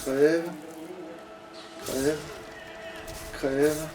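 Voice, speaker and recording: Speaking extremely slowly in a fairly high, level voice, a let's play streamer grumbles and swears casually to himself and at the game while playing. Game music sits behind his distantly miked voice.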